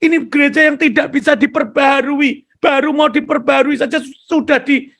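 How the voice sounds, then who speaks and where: A man preaching a sermon, telling a story in an animated, dramatic way. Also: very high voice, moderate pace.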